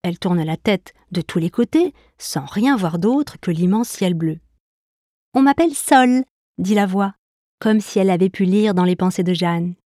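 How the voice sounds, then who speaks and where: Storybook narrator, woman, warm dark tone, gentle and even. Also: on the low side, moderate pace, no room sound, studio quality. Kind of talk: scripted children's story narration.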